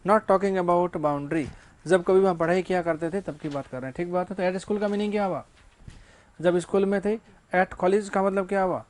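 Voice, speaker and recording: High-voiced man teaching grammar. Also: normal speed, a little mellow. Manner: asks the class rhetorical questions and answers them himself; casual, joking asides. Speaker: English teacher. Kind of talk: classroom grammar lecture.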